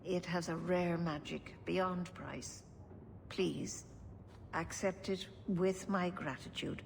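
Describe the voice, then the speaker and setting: An actress playing a calm, dignified older elven keeper who speaks slowly and formally. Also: female voice, fairly low pitch, creaky, long reverb tail, a little hiss or hum. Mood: grave, grateful. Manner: slow, measured and formal. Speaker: elf clan keeper.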